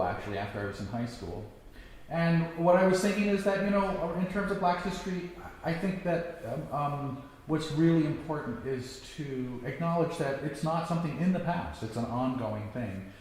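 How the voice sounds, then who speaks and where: A man in his sixties giving a reflective personal talk, halting with many ums and restarts. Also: a little high, animated, a little mellow. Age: 60s. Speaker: guest speaker. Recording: echoey hall, faint background noise.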